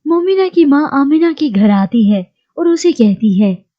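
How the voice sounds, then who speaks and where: A woman narrating a recap of a TV drama in a steady storytelling read. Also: high voice, a little slow, muffled recording.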